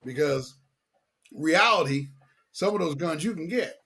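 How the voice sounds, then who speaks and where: A man's voice: a little high, lively intonation, a little slow, pushed and bright, breathy edge. A man chatting casually as host in a slangy, laid-back way, often repeating his phrases. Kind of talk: casual chat.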